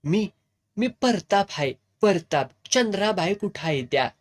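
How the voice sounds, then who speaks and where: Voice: medium pitch, lively intonation, unhurried, pitched above the performer's own voice. A drunk young man who sobs and pleads in a rural Satara accent, pouring out his misery, played by a storyteller. He begs for help in a broken, self-pitying way. It sounds like a spoken audiobook. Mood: pleading, sobbing. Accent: rural Satara Marathi. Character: drunk weeping young man, a landlord's son.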